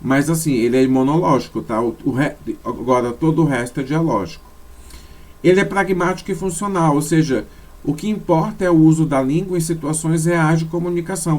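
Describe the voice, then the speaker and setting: A man's voice: fairly high pitch, a little mellow. A man giving a lecture over slides, explaining step by step with frequent tag questions and self-corrections. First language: Portuguese. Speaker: teacher.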